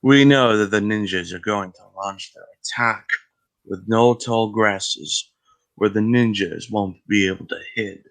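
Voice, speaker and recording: A man's voice: on the low side, a little slow, a bit bright, rough recording. A man co-hosting a podcast, reading fan fiction aloud in a plodding way, stumbling over words now and then. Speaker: podcast co-host.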